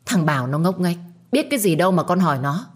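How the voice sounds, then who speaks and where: A woman's voice: fairly low pitch, very animated, fast, breathy edge. A woman doing Bà Liên, a harsh scolding mother. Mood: defensive. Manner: scolding, shouting. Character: harsh furious middle-aged mother, domineering.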